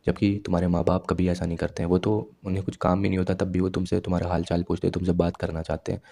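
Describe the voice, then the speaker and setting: Talking fast straight to the camera, a young man in his 20s lays out blunt self-improvement advice point by point, lecturing his viewers head-on. His voice is low, flat, dark, and gravelly.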